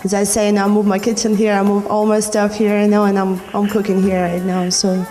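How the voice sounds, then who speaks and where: A woman's voice: mid-range voice, monotone, a little fast, mellow, long reverb tail. A young woman from Norway, a recording artist, talking about her music in an interview, with many "you know" fillers. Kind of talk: interview answers.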